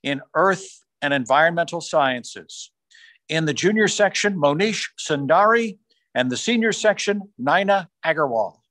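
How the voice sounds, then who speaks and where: A man with a slightly high, expressive, fairly bright voice reads out awards in a measured, formal way, his pitch rising on school names. He's speaking from a small room on a video call microphone, with no room sound.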